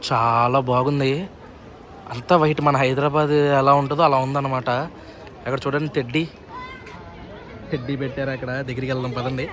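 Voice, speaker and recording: Fast-talking man vlogging through a noisy airport. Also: medium pitch, little pitch movement, a bit bright. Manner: chatty, switching between talking to the camera and to a crying child. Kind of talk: casual travel vlog narration. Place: airport terminal.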